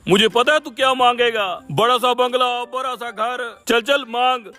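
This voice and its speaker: A man's voice: extremely high pitch, steady tone, normal speed, sharp tone, faint music behind. A man voicing a greedy, cruel brick-kiln owner in a cartoon who bullies and gloats. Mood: gloating. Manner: bullying, gloating. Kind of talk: cartoon voice acting.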